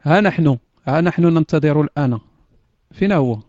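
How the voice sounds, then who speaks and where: A man's voice: fairly high pitch, a little fast, a little mellow, no echo. A man with a Moroccan accent hosting an online voice chat room, teasing the people he talks to, laughing often and dropping in French words. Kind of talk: casual chat. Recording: dull, dry lo-fi voice chat audio.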